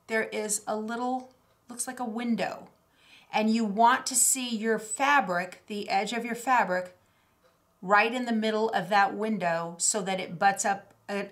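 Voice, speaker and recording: The middle-aged quilting instructor speaks with a medium pitch and a fairly bright tone while demonstrating each step carefully at her cutting table. The indoor craft studio gives the audio a roomy echo along with clear background noise.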